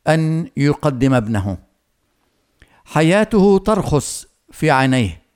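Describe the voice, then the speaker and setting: A man preaching a sermon, speaking earnestly and slowly, addressing the listeners directly with questions. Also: a little high, clean tone.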